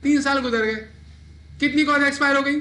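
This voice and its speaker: High bright male lecturer quizzing students. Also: fairly even intonation, a little fast, a little hiss or hum. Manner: asks students questions and answers them himself. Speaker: accounting lecturer. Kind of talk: classroom lecture.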